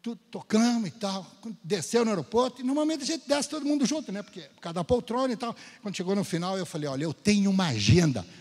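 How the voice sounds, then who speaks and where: A man's voice: high-pitched, fast talker, hardly any pauses. A man from Brazil telling a testimony in a church sermon, storytelling and acting out the dialogue. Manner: storytelling, lively, acts out dialogue. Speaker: Gideon speaker at church. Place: church sanctuary. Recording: hall reverb in church.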